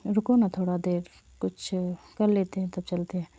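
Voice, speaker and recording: A woman's voice: lowish voice, flat delivery, normal speed, mellow. A woman voicing a playful, teasing young woman who coaxes and needles in a storybook reading.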